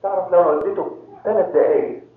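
A man's voice: sits high, fast talker. A man from Cairo with an Egyptian accent, a priest preaching a sermon and quizzing his listeners with rhetorical questions. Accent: Egyptian Arabic. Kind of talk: sermon to a congregation. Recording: very echoey tinny phone-like hall recording.

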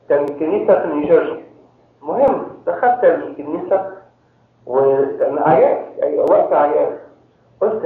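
A man's voice: a little high, gravelly. A man from Cairo with an Egyptian accent, a priest preaching a sermon and quizzing his listeners with rhetorical questions. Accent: Egyptian Arabic. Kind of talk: sermon to a congregation. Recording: very echoey tinny phone-like hall recording.

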